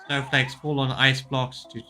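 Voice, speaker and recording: A man with a very bright, forward voice at a middling pitch comments casually on a game. He streams with wry, off-the-cuff asides, and faint music plays behind him. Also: little pitch movement, measured pace. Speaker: gaming streamer.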